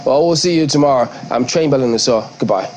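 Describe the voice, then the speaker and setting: A Nigerian man anchors a morning news show with a formal, measured delivery. His voice is hoarse and worn. Faint noise sits under the studio sound. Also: medium pitch, darkish tone. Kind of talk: broadcast presenting and reading viewer comments.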